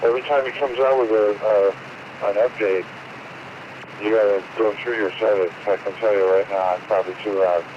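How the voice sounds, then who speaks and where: A man's voice: on the low side, fairly even intonation, normal speed, muffled recording, background noise. A man chatting casually on an amateur radio net. His voice comes through robotic and metallic over the digital link, with loose, filler-heavy talk. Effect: robotic, metallic digital radio audio.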